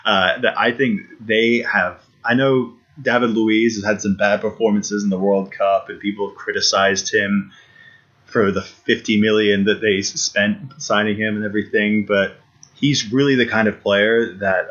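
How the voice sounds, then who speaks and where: A low-voiced man co-hosts a casual football podcast and talks eagerly, circling back to his points with restarts and fillers. The audio is dull and lo-fi. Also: fairly even intonation, normal speed, fairly bright tone. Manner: eager, repeats himself, many restarts and fillers. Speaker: podcast co-host. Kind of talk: casual sports chat.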